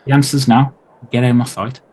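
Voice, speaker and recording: A man's voice: medium pitch, level tone, a little fast, a little mellow, slight background noise, lightly acted. Brief: man voicing angry working-class dad in a tabletop game, blunt and sweary. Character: gruff middle-aged male cannery worker, angry father.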